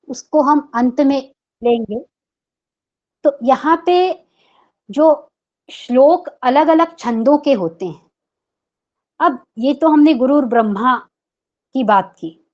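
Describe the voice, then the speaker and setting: A woman, a Sanskrit pronunciation expert, giving a teaching lecture at a teachers' seminar, speaking carefully and chanting verses with drawn-out syllables. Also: high voice, highs cut off.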